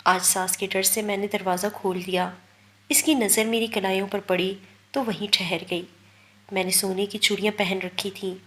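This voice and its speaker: A woman's voice: mid-range voice, fairly bright tone. A woman with a Pakistani Urdu accent, reading a first-person moral story as scripted narration. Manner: reads a first-person story, voicing the characters' quoted lines.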